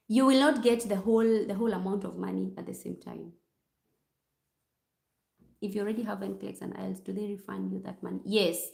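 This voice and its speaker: A woman's voice: mid-range voice, vocal fry, darkish tone. A Kenyan woman, a nurse, chatting on a livestream and answering viewer comments, slipping in Swahili phrases. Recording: roomy echo.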